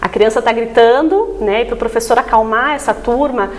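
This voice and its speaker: Appearing as a specialist guest on a TV interview, a voice therapist explains things in a teaching manner, often tacking on short tag questions to seek agreement. Her voice sits a little high, and she speaks at a moderate pace.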